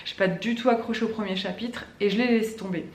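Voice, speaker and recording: A woman's voice: medium pitch, steady tone, fast talker. Woman book vlogger, casual chatty delivery full of fillers, recorded in an echoey room. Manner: chatty, many fillers and restarts. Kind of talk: casual chat to camera. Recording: echoey room with faint ambient noise.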